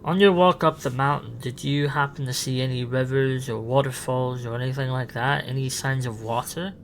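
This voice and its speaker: A man's voice: medium pitch, steady tone, moderate pace, slight background noise, close to an everyday voice. A man playing the Doctor, a curious alien time traveller, improvising with restarts and fillers in a fan audio drama. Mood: urgent.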